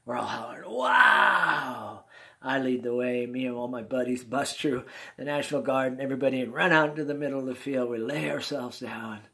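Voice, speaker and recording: An older man in his sixties with a gravelly, creaky voice spins a personal tale. He talks in a folksy, easygoing way, with chuckling asides, as a storyteller for his listeners. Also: mid-range voice, fairly even intonation, quick pace, a bit bright.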